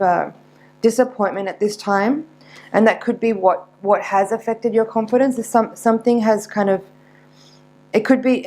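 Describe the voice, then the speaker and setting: A woman giving a mystical horoscope tarot reading, unscripted, in a searching, halting manner with repeated words. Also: mid-range voice, darkish tone. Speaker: tarot reader.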